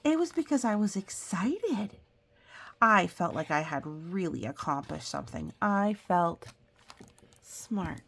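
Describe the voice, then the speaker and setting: A woman's voice: lowish voice, expressive, takes it slowly, gravelly, a bit bright. A woman reading a picture book aloud as a storyteller, expressively, with chatty, explanatory asides for young listeners.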